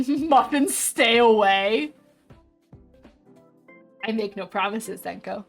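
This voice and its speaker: A woman's voice: on the high side, animated, slow pace, creaky. Chatty young woman streamer, laughing often. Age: 20s. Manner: chatty, reads chat aloud, laughs often. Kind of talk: casual chat with viewers while drawing. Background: faint background music.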